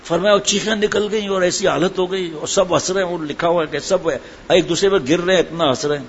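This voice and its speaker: The preacher's voice is high and his intonation fairly even as he moves through a sermon in a conversational, storytelling manner. Humorous anecdotes and chatty asides fill his talk, which is captured as dull lo-fi audio with faint background noise.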